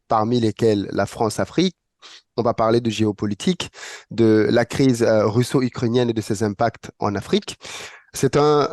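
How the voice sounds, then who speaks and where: A man's voice: mid-range voice, a little mellow, no room sound. Host, male, welcoming and hesitant, lots of fillers, dry close sound. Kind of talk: interview hosting. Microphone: online call.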